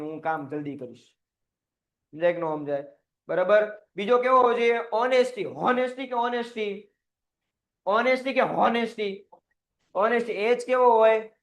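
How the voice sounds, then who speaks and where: A man teacher giving a recorded lecture, firing off rhetorical questions, acting out small quoted scenes and dropping English words into his talk. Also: high-pitched. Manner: asks constant rhetorical questions, acts out little quoted scenes. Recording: dull lo-fi audio.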